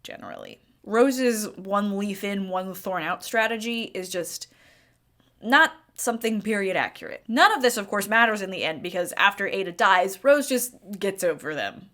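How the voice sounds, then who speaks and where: A woman's voice: medium pitch, expressive, moderate pace, bright, forceful tone. Opinionated woman narrating a video essay. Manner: opinionated, critical. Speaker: video game critic.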